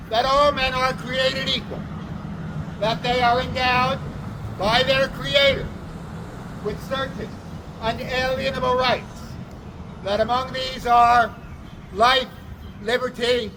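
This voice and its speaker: A man playing a town crier, delivering a formal proclamation in deliberate, declamatory short phrases, outdoors. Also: very high-pitched, fairly even intonation, exaggerated voice. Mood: solemn, proclaiming. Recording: outdoor recording with faint traffic noise.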